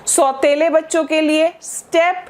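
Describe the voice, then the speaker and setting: Female English teacher, high voice, drawls model phrases slowly and rattles through explanations, keeps checking with the class. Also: fairly even intonation, a little mellow. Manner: slow, spelled-out model phrases between quick explanations. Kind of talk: spoken English lesson.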